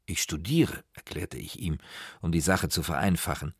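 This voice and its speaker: Deep-voiced male audiobook narrator. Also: fairly even intonation, normal speed, breathy edge, no echo, clean studio sound. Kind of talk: scripted first-person narration.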